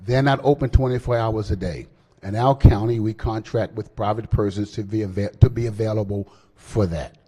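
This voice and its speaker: A man speaking as senate floor leader, explaining a bill in a halting floor speech with many fillers and restarts. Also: on the low side, steady tone, dark tone, breathy edge. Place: legislative chamber. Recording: long hall reverb.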